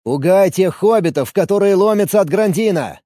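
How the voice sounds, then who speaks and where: A man's voice: high-pitched, expressive, normal speed, mellow, no echo, voice pushed up. A man voicing a tense male army commander who barks orders in a fantasy audiobook. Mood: commanding. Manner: barking orders.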